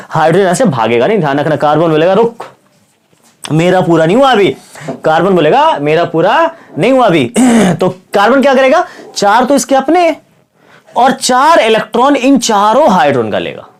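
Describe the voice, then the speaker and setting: A male science teacher giving a classroom-style chemistry lesson with a sore, slightly hoarse throat. He asks his students questions, answers them himself, and keeps repeating the key words. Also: high voice. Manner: repeats key words and calls listeners "kids" and "brother".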